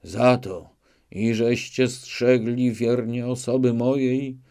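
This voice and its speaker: Man reading proud young knight, lofty, fervent, low-pitched, slow and drawn-out. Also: dark tone. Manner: declaiming, elated and lofty. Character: proud young male knight, zealous and exultant.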